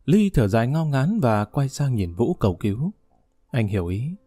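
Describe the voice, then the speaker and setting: A man narrating an audiobook in a calm, even storytelling manner. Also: mid-range voice, moderate pace, breathy edge, no room sound.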